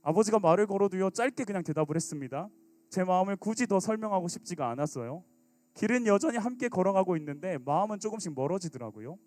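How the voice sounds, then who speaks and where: A man in his thirties preaching a youth sermon as pastor, acting out sulky teens and quoted lines with big swings in his voice. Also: fast. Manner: animated, acts out teen sulking and quotes with big pitch jumps.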